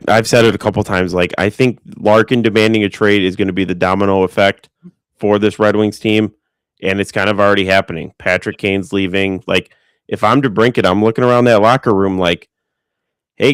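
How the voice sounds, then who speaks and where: A man's voice: on the low side, clear, resonant tone, no room sound, rough recording. A man hosting a sports podcast, talking in a friendly, easygoing way. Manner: friendly, agreeable, quick asides. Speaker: podcast host. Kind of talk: casual sports talk.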